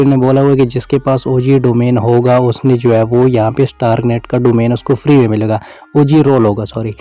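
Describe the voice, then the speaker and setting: Fast-talking man with a dark, dull voice. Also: mid-range voice, no echo. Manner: fast, instructive, repeats filler phrases. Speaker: crypto YouTuber. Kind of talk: screen-recorded crypto tutorial. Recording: dull lo-fi audio with faint music.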